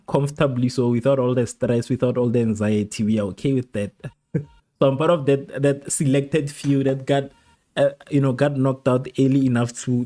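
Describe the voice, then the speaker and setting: A man from South Africa hosts a live watchalong stream, chatting casually with his viewers. His voice sits in a mellow, middle register, and he laughs often and repeats phrases as he reads and answers comments. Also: mid-range voice. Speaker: livestream host.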